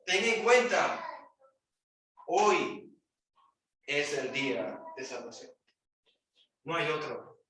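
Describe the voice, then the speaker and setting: A man preaching a sermon in a church hall, emphatic, firing rhetorical questions and swinging between loud and hushed. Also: on the high side, very animated, drawn-out words, pauses often, far from the mic, slight background noise. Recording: very echoey room, voice off-mic.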